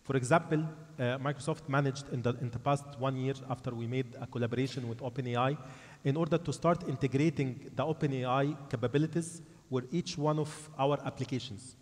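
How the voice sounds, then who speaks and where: A man's voice: medium pitch, fairly even intonation, brisk. A man giving an explanatory panel answer as a company representative, repeating and rephrasing his phrases. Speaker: corporate panelist speaking for a tech company. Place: large conference hall. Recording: echoey hall with long reverb.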